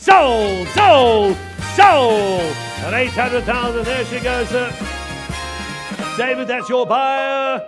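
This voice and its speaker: A man's voice: extremely high pitch, fairly even intonation, slow, pauses often, over music. A man working as an auctioneer, calling bids live in a repetitive chant of numbers and filler phrases.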